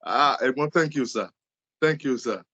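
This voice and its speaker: A man with a Nigerian accent hosting an interview show, speaking slowly and respectfully and thanking his guest often. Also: mid-range voice, pushed and bright, dry recording, muffled recording. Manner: slow, deliberate and respectful, with frequent thanks. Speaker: host. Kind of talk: hosting an interview show, mixing English and Yoruba.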